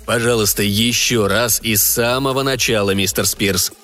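A man reading an audiobook voices a calm, stern male general who questions a pilot in a slow, measured, pressing way. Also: on the low side, faint music behind, pitched below the performer's own voice, close to an everyday voice.

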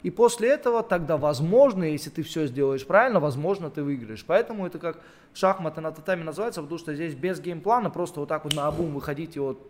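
A man's voice: on the high side, animated, fast, few pauses, a little hiss or hum. A man in his late twenties, a podcast guest who explains things at length with plenty of fillers in a casual interview. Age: late 20s. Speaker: podcast guest, jiu-jitsu athlete.

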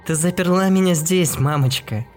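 A man voicing a sinister, cruel teenage ghost girl who sings and taunts in a slow, eerie sing-song. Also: a little high, a little mellow, a little hiss or hum, pitched above the performer's own voice, lightly acted. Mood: gleeful menace.

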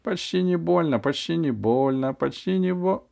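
A man's voice: on the high side, normal speed, vocal fry, a little mellow, pitched above the performer's own voice. Man playing a stern, bossy woman dentist. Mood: coaxing. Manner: coaxing then sharply commanding. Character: small stern female dentist, firm and impatient.

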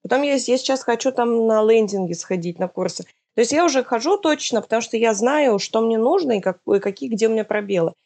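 A woman's voice: on the high side, lively intonation, quick pace, hardly any pauses, a little mellow. A woman talks casually in an interview, explaining things in an informal way.

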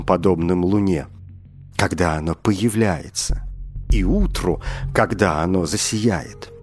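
Lively male audiobook narrator. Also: lowish voice. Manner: lively, expressive reading. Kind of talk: audiobook storytelling. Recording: faint music underneath.

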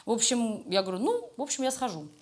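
This creative director from an animation studio talks quickly in a fairly high, sing-song voice with a darkish, slightly rough tone. The interview is conversational, and she spins stories in loose, slangy speech.

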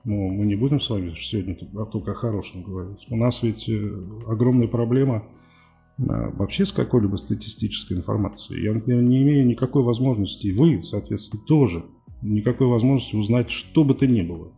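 A man's voice: on the low side, brisk, gravelly, mellow, faint music behind. A man in his forties, a TV journalist speaking as a podcast guest, talking candidly and with a defiant, wry edge. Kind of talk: candid interview talk.

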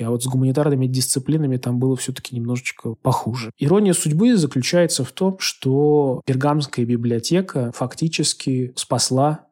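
A man telling history on a podcast in an unhurried, thoughtful way with many small fillers. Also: mid-range voice, a little mellow. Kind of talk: casual history podcast talk.

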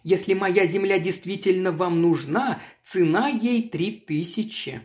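A woman's voice: deep voice, expressive, measured pace, darkish tone. A reader voicing a polite, composed young woman who feigns sweet innocence in an audiobook. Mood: sweetly innocent. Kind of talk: audiobook character voice.

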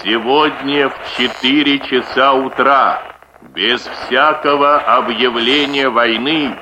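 A man's voice: medium pitch, fairly even intonation. Solemn man on crackling archival radio. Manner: slow, solemn, measured delivery. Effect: old radio broadcast coming through crackle and static. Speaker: radio announcer. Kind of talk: official wartime government announcement. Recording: noisy crackling archival radio broadcast, distant.

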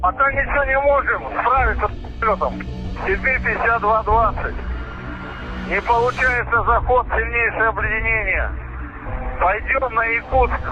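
A man's voice: very high voice, moderate pace, sharp tone, soft background music. A man, an airline pilot, speaking in urgent, clipped reports over a cockpit radio link to air traffic control. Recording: dull lo-fi air-band radio.

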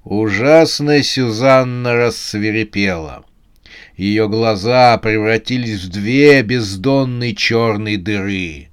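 A man reading a comic horror novel aloud as an audiobook narrator, in a steady, measured way. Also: on the low side, clear, resonant tone.

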